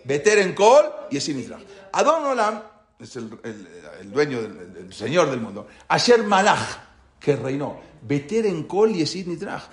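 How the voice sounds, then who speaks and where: A man teaching a religious class, talking in an animated way and asking rhetorical questions. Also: fairly high pitch, normal speed. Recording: roomy echo.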